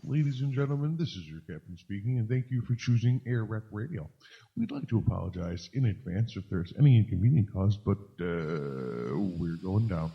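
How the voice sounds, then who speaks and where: Man playing a low gravelly pilot on a muffled cockpit PA, dull lo-fi sound with faint hiss behind it. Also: animated, moderate pace. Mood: deadpan formal. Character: male airline captain making a cabin announcement. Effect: muffled cockpit PA announcement. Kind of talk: comic intro skit.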